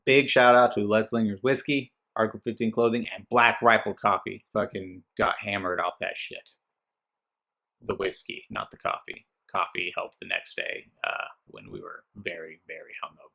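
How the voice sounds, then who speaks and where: Male host, low voice, loose and profane closing plug. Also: gravelly. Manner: casual, profane, relaxed sign-off. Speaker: show host. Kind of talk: casual outro.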